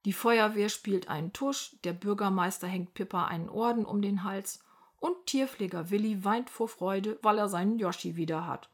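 Breathy woman reading a children's story. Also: medium pitch, moderate pace. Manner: lively, expressive storytelling. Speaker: narrator. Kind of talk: children's story read-aloud.

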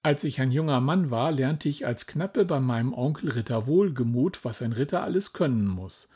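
A man voicing a boastful older male knight and proud father in a children's storybook, grumbling and full of self-praise, with a husky voice. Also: mid-range voice, lively intonation, normal speed, dark tone.

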